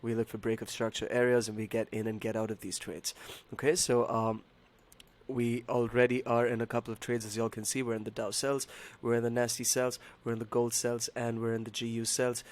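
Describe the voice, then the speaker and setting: Guy livestreaming, sick and hoarse, mid pitch, chatty, keeps stopping and repeating himself. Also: flat delivery. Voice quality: hoarse, strained voice. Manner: halting, repeats himself, addresses viewers as buddy and man. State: unwell, voice not as usual. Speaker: live trading stream host. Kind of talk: casual livestream chat.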